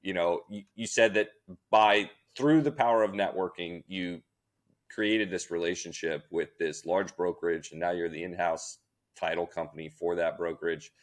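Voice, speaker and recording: A man's voice: deep voice, steady tone, moderate pace. A man hosting a podcast, asking questions in an enthusiastic, reflective way. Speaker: podcast host. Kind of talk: interview questions.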